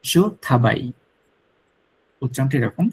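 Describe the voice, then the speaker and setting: A man with a husky voice teaches a French class. He goes over each verb form slowly and patiently, repeating every drill. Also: mid-range voice, poor audio. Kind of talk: classroom lecture.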